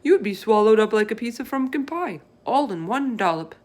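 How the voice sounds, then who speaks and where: Storybook friendly giant, played by a woman: earnest, excitable, emphatic, tumbling through garbled folksy speech. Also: fairly high pitch, brisk, voice pushed up, natural voice. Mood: excited, indignant. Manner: emphatic, garbled folksy grammar with made-up words.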